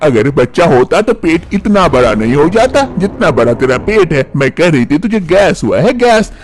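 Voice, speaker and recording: A man's voice: fairly high pitch, big pitch swings, normal speed, slight background noise. A man voicing a bossy older mother-in-law in a cartoon story, nagging and scolding.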